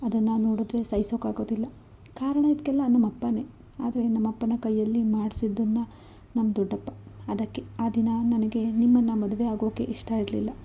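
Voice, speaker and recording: A woman's voice: on the high side, flat delivery, moderate pace, creaky, mellow, breathy edge. A woman voicing a tearful young wife who earnestly tells of her family's troubles. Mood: hurt, earnest. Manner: pleading, earnest storytelling.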